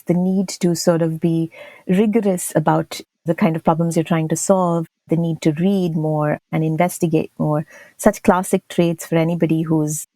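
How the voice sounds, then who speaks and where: A woman podcast host with a low, mellow voice reads a guest introduction, then asks questions in an easy, conversational way. The sound is dry and close to the mic. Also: no room sound. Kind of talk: scripted intro and interview questions.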